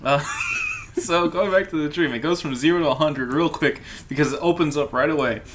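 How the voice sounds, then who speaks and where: A man's voice: fairly high pitch, fairly quick, background noise. Rambling young man hosting a podcast. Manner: rambling, laughs often. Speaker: podcast host. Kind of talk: casual podcast chat.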